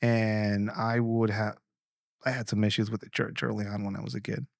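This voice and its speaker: A man's voice: lowish voice, level tone, normal speed, vocal fry, dry recording, studio quality. A man hosting a podcast in a casual, rambling way, restarting often and swearing freely. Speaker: podcast host. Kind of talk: casual conversation.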